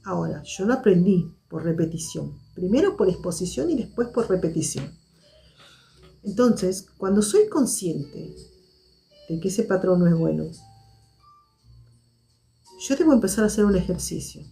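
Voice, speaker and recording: A woman talks to her live viewers in a low, gravelly, mellow voice. She is measured and reflective and circles back to the same points. Soft instrumental music plays faintly behind her. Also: animated. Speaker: host of a live stream.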